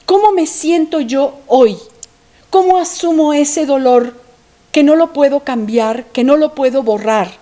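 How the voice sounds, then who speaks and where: A woman lecturer speaks slowly and reflectively, often asking herself questions. Her voice sits a little high but sounds mellow. Now and then she sinks to a soft near-whisper. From Mexico. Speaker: thanatology lecturer.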